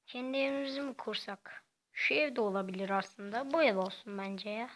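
A woman giving casual, quiet gameplay commentary in a soft, halting way. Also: a little high. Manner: talks quietly and softly; halting, hesitant delivery. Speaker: gaming channel host.

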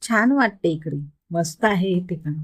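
A woman's voice: on the low side, lively intonation, moderate pace. A woman voicing a cheerful, easygoing young man who jokes with his friend in story dialogue. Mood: joking. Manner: easygoing, joking.

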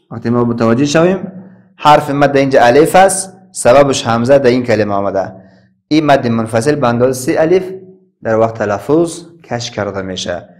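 A male teacher with an Afghan Dari accent leads a recitation lesson at a mid-range pitch. He drags out each letter and vowel sound, then chants the verse in a sing-song line. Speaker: Quran teacher.

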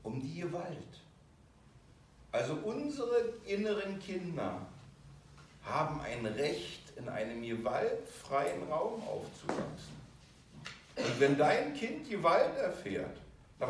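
A man's voice: a little high, slow pace, slight background noise. A man teaching a video course. He gives an emotional lecture and acts out the voices he quotes. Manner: animated, acting out quoted voices. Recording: very echoey room from far off.

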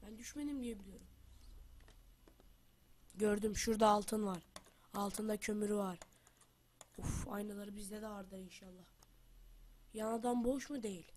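A woman with the flu giving casual gameplay commentary as a channel host. She trash-talks loudly, then drops to quiet muttering to herself. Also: mid-range voice, steady tone, unhurried, long pauses, slight background noise. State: has the flu.

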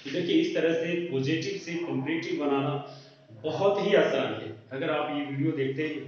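Man teaching grammar in an echoey room. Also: on the high side. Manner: explains step by step, asks questions and answers them himself. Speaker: English teacher. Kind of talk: classroom grammar lesson. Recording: echoey, distant, dull lo-fi room sound.

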